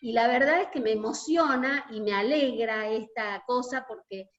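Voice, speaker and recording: An Argentine woman speaks earnestly over a video call, recalling her union days. She hesitates often and fills her pauses. Her voice sits a little high, and the call audio is dull and lo-fi. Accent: Argentine Spanish. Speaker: union delegate recalling a protest march. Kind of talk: reminiscing testimony in an online meeting.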